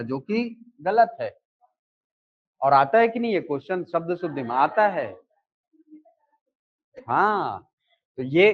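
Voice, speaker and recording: A man's voice: sits high, dull audio. A male teacher giving a live classroom lesson, explaining step by step and asking questions, then answering them himself. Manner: explains slowly, asks and answers his own questions.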